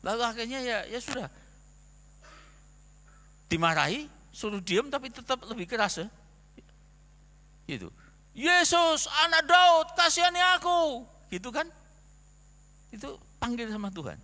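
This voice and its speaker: A male pastor preaching a sermon in a church, animated, with rhetorical questions and acted-out quotes. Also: high-pitched, moderate pace, pauses often. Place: church sanctuary. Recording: long reverb of a church hall.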